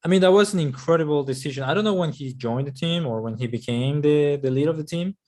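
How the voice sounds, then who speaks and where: A man's voice: on the high side, fast, a little mellow. A man co-hosting a casual podcast chat, easygoing and agreeable, often restarting his sentences. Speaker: podcast co-host.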